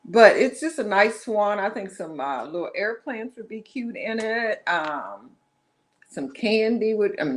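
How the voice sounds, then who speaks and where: A woman presenting items in a live online sale, chatting casually and meandering, often correcting herself. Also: medium pitch. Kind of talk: casual live-stream selling chat.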